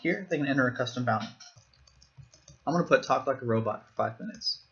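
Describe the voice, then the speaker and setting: A man giving a screen-recorded software walkthrough, explaining each step plainly. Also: medium pitch, animated, quick pace, dull audio. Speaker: software demo presenter.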